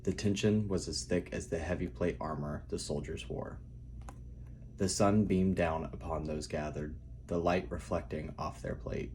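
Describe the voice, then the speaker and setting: A man speaking softly and calmly as he reads his own fantasy writing aloud in a quiet narrating style. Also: low-pitched, unhurried, slight background noise. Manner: quiet, calm, soft-spoken reading. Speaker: writer reading own novel aloud.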